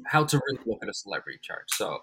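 A man's voice: fairly low pitch, sing-song, rapid-fire, bright, forceful tone, slightly rough, no room sound, rough recording. Agreeable man hosting a podcast. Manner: agreeable, hesitant questioning. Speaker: podcast host. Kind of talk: casual podcast interview.

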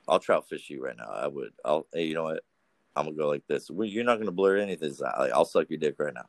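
Man, very deep voice, dry, crude rambling chat, young adult. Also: fast, no echo. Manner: rambling, crude, animated storytelling. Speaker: podcast guest. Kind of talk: casual profane chat.

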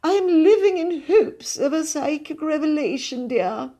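A woman's voice: high-pitched, animated, a little slow, mellow, voice pushed up. A woman voicing an elderly, thin, eccentric woman who speaks in an affected, sighing and dreamy manner. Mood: wistful.

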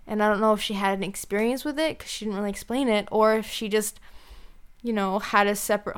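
Chatty young woman with a smooth voice. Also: mid-range voice, a bit bright. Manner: chatty, many "like" and "you know" fillers. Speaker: podcast co-host. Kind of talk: casual chat.

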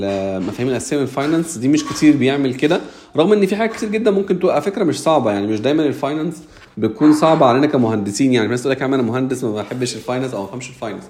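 A man's voice: mid-range voice, darkish tone, slight background noise. A man with an Egyptian Arabic accent, hosting a casual discussion and mixing English business terms into his speech. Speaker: host of a live audio discussion.

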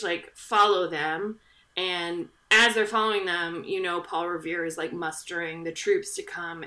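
A woman with a lowish, sharp-toned voice hosts a podcast about history. Her delivery into the studio microphone is relaxed, joking and chatty, packed with filler words and tangents.

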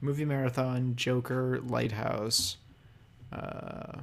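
A young man co-hosting a casual chat, making dry deadpan jokes and swearing freely. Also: medium pitch, slow pace, vocal fry. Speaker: podcast co-host.

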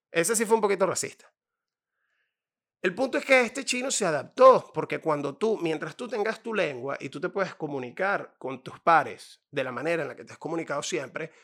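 A Venezuelan man giving comedic advice in an animated storytelling monologue, full of playful asides. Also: on the high side, creaky.

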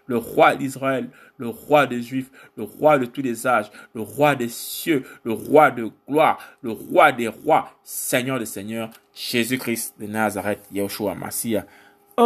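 A man leading spontaneous worship and prayer, fervent, with drawn-out exclamations and chanted litanies of titles. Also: medium pitch, fairly bright tone. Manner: slow, repeating titles in litany. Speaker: worship leader.

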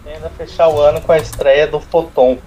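A man's voice: a little high, steady tone, a little fast, dark tone. A man with a Brazilian accent chatting casually as a radio co-host. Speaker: regular radio show co-host. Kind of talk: casual chat. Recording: dull lo-fi sound with faint noise.

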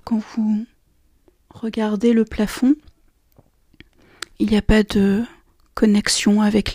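A woman guiding a relaxation and meditation session in a soft, slow, half-whispered voice. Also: a little high, husky, no room sound, studio quality. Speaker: relaxation guide. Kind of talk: guided meditation.

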